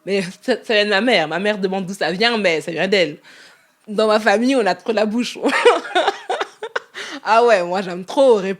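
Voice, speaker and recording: Candid young woman, laughing, music behind. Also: mid-range voice. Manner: candid, quick, laughs often. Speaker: interviewee. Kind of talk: casual interview.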